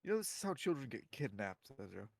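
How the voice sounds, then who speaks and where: A man's voice: medium pitch, very animated, fast talker, gravelly. A man chatting casually as a player in a tabletop role-playing game, with a dry, joking manner. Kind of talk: casual improvised role-play chat.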